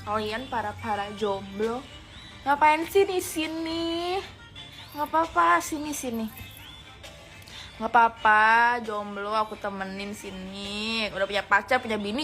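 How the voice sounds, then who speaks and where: Bright, playful young woman streamer. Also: a little high, measured pace, faint music behind.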